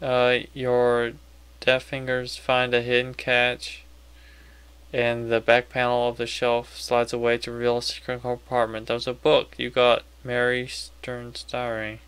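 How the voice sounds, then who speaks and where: A man's voice: medium pitch, completely flat delivery, measured pace, fairly bright tone, clean tone. A man giving casual video game commentary, talking to himself and reading on-screen text aloud. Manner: self-talking, casually reacting. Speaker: gamer playing on commentary.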